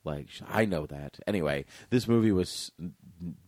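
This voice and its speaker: A man's voice: sits low, lively intonation, moderate pace, darkish tone, dry recording, clean studio sound. A man co-hosting a casual movie chat, joking and blunt, often restarting his sentences. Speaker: podcast co-host.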